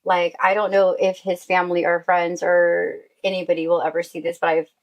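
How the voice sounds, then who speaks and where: A woman's voice: on the low side, flat delivery, brisk, rough recording. A woman guest telling her own story in a casual interview, with an emotional delivery and many fillers. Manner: emotional, uses "like" often.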